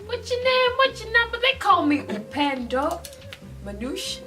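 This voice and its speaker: A woman's voice: very high voice, very animated, unhurried, bright, forceful tone, distant mic, faint music behind. A woman from Tanzania, joking around as a guest in a casual chat. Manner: playful joker.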